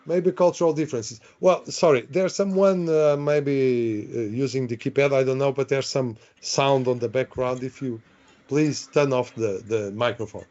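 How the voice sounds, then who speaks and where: A man's voice: medium pitch, moderate pace, darkish tone. A man teaching a live online workshop, chatty, repeating himself and asking the audience questions. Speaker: webinar trainer. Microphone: video call. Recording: dull lo-fi online call audio.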